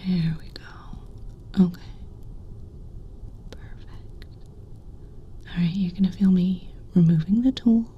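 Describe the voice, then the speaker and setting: A woman's voice: lowish voice, slow pace, pauses often, highs cut off. Whispering woman, ear cleaning ASMR whispered role-play. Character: gentle, reassuring ear implant clinician. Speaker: ASMR performer playing an ear clinician.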